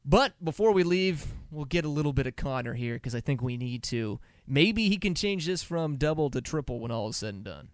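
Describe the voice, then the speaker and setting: A man hosting a sports talk show, chatting in a lively, teasing way. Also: on the high side, fairly quick, hardly any pauses, smooth. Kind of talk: casual sports chat.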